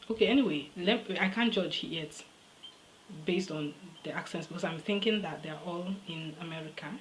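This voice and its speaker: Woman host, casual reaction chat, slightly low voice, faint background noise, thinks out loud. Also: low-quality recording. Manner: chatty, thinks aloud, second-guesses herself.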